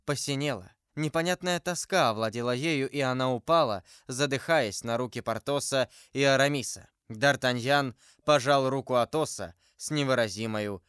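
Clear-voiced male audiobook narrator. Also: mid-range voice, fairly bright tone, no room sound, studio quality. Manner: measured, dramatic reading.

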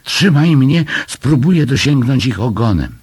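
A man's voice: on the low side, big pitch swings, unhurried, gravelly, slightly rough, pitched above the performer's own voice, full character voice. A man voicing a kind, decisive mother troll in a children's story, speaking in a firm, motherly way.

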